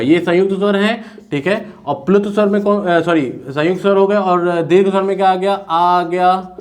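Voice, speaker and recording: A man teaching a class, asking questions and then answering them himself, and repeating points slowly so students can write them down. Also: high-pitched, a little mellow. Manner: repetitive, dictating notes slowly word by word. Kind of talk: classroom lecture.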